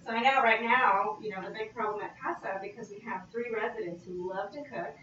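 A woman's voice: mid-range voice, brisk, a loud crowd. A woman, a guest in a casual conversation, chatty and often checking for agreement. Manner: chatty, seeks agreement with frequent "right?". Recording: distant mic in echoey room, dull and noisy.

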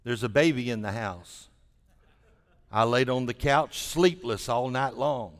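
A pastor in his 60s delivers a sermon to a congregation during a service in a large church hall, and the recording carries a long hall reverb. His mid-range voice keeps a measured pace, and his folksy preaching repeats phrases for emphasis.

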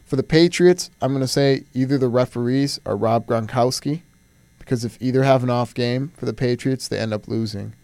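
Casting: young male co-host, gravelly, sick and hoarse, rowdy profane banter, dry close mic. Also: medium pitch, a little fast, no room sound. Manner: loud, profane, excitable. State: sick, coughing. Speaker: sports radio co-host. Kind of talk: casual sports banter.

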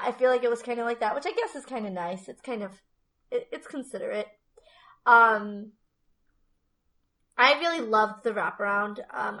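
A young woman co-hosting a podcast in casual chat, animated and laughing, swearing freely. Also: medium pitch. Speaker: podcast co-host.

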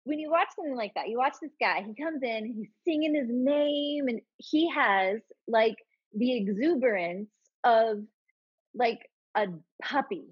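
A woman hosting a casual podcast chat, animated and talkative with lots of "like". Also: a little high, unhurried, slightly rough, no room sound. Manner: animated, chatty, many fillers of "like". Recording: dry muffled lo-fi line.

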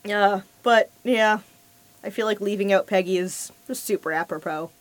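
Woman, podcast co-host, wry chatty asides, middle pitch, dead dry mic. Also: normal speed, no echo. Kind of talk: casual podcast chat reviewing a film.

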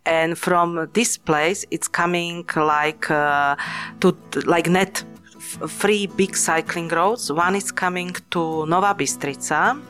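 Low-voiced woman. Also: steady tone, slow, fairly bright tone, soft background music. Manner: non-native phrasing, hesitant. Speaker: local guest. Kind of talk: podcast interview.

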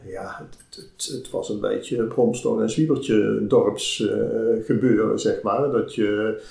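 A man answers interview questions hesitantly, stopping often and filling gaps. His voice is dark and gravelly, and the room around him sounds echoey. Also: lowish voice, fairly even intonation. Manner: hesitant, full of pauses and fillers. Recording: roomy echo.

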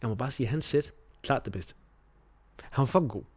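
A man co-hosting a casual podcast, chatting in animated bursts and swearing often. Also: slightly rough. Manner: animated, swears often, jumps up in pitch for emphasis. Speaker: podcast co-host.

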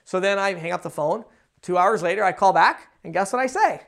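A man's voice: high-pitched, expressive, fairly quick, vocal fry, a bit bright. A man giving a casual sales training talk, conversational and often checking in with "okay?" and "right?".

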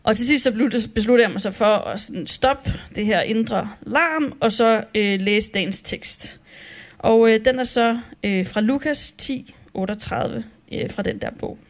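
A woman pastor giving a candid, conversational devotional talk about her own restless thoughts. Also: fairly high pitch.

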